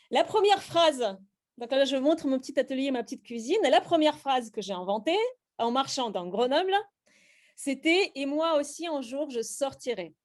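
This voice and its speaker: A middle-aged woman from Russia leads a slam poetry workshop, speaking French with a clear Russian accent. She explains her writing to students in a hesitant way, filling pauses and restarting phrases often. Her voice sits somewhat high for a woman. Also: a little mellow. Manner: hesitant, many fillers and restarts.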